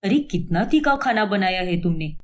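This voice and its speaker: A woman's voice: mid-range voice, lively intonation, moderate pace, close to an everyday voice. A woman voicing a whiny greedy old father-in-law. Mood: complaining. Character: greedy older man, father-in-law, fond of food. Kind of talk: cartoon story voice acting.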